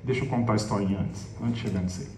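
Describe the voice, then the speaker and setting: A man's voice: on the low side, racing, dark tone, a little hiss or hum. A man with a Minas Gerais accent giving an informal storytelling lecture to an audience, speaking chattily and addressing them directly. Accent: Minas Gerais Portuguese. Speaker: spiritist lecturer. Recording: echoey hall, mic far off.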